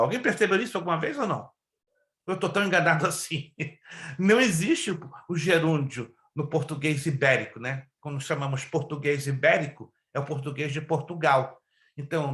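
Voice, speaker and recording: A man's voice: on the high side, fairly bright tone. Man teaching a Bible class, echoey room. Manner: explains, often checking in with the class. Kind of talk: classroom lecture.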